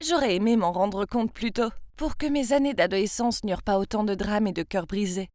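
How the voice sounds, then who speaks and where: A woman in her twenties from France, telling her own story as scripted first-person narration in an expressive, confiding way. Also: mid-range voice, a little fast, dry recording, studio quality. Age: 20s.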